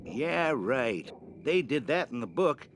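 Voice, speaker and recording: A man's voice: mid-range voice, sing-song, slow pace, slight background noise. A man playing a stubborn, grumpy gravedigger in a comic adventure game, querulous and skeptical as he scolds. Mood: scolding, skeptical. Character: jumpy, grumpy, stubborn gravedigger who loves horror novels.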